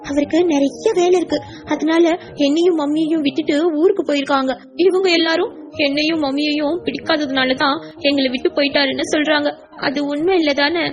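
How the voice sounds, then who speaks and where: A woman's voice: high voice, fairly even intonation, a little fast, soft background music, close to an everyday voice. A woman voicing a stubborn, hurt little girl in an insistent, childlike way for an audiobook. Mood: earnest. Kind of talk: audiobook character voice.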